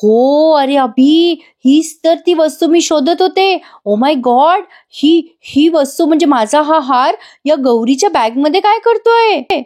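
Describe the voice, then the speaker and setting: A woman's voice: fairly high pitch, lively intonation, unhurried, a little mellow. A woman voicing a scheming, jealous woman professor in a retold TV serial scene, sly and taunting with mock innocence. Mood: mock dismay.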